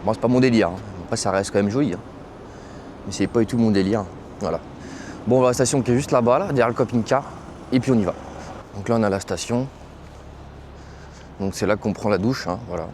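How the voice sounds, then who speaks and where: A man's voice: lowish voice, brisk, long pauses, a little mellow. A young man from France vlogs on his phone at a cold, windy truck stop. He talks in loose, slangy French-style banter straight to his viewers. Faint traffic and outdoor noise run underneath. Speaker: truck driver vlogger. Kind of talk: casual vlog chat.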